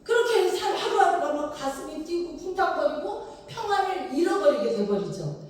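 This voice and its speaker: A woman pastor delivers a sermon, high-pitched and swinging widely in tone as she acts out voices in her story. She is heard from a distance in a big church hall with a long, booming echo. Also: normal speed. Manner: animated storytelling, acting out quoted lines with big pitch swings. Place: church sanctuary. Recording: echoey hall picked up from far off.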